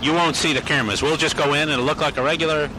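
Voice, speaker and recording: A man's voice: fairly high pitch, fairly even intonation, rapid-fire. A man interviewing a stranger on a city street with a handheld microphone, heard on an old archival radio recording. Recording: noisy early 1960s street recording. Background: street traffic.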